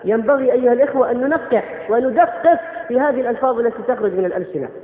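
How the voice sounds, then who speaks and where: A man's voice: extremely high pitch, racing. A man preaching a sermon, correcting common phrases and repeatedly addressing his listeners as brothers. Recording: tinny lo-fi recording in an echoey hall.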